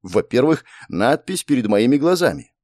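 A man with a mid-range voice narrates a first-person fantasy audiobook at normal speed, telling the story expressively.

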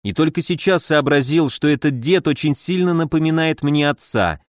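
A man's voice: fairly high pitch, animated, moderate pace, dry recording. Man narrating a story, dry close sound. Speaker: audiobook narrator. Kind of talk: scripted first-person narration.

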